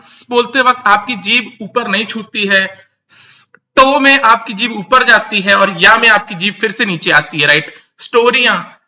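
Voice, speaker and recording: Bright, emphatic man breaking down lyrics. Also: sits high. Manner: emphatic, repeats key points, hums tune snippets, mixes English into Hindi. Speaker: lyricist critiquing song lyrics. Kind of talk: explanatory commentary to camera.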